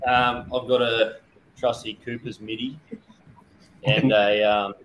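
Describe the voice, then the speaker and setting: A man's voice: mid-range voice, flat delivery, slow, a bit bright, slight background noise, poor audio. A man speaking casually as a guest on an online video call. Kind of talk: casual chat.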